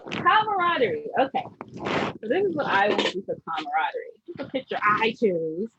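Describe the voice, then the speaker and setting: Lively high-voiced woman, noisy recording. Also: a little fast, highs cut off. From grew up in Germany as an American military child. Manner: warm, affirming, repeats phrases for emphasis. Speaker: host leading a vision board party. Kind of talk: casual spiritual chat. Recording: noisy background hiss.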